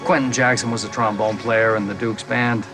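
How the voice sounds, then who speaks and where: An actor playing a chuckling American dealer. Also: male voice, on the low side, level tone, normal speed, over music, natural voice. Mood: genial. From United States. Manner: affable, chuckling, expansive. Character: genial American male manuscripts dealer, jazz lover. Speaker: American antiques and manuscripts dealer.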